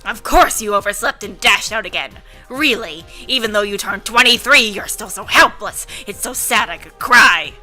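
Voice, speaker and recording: A woman acts out a rowdy, foul-mouthed old granny from a visual novel, scolding at full volume. The voice is very sharp and forceful, hot-tempered and gruff in manner, over clear background music. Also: medium pitch, lively intonation, normal speed. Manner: loud, shouting, gruff scolding.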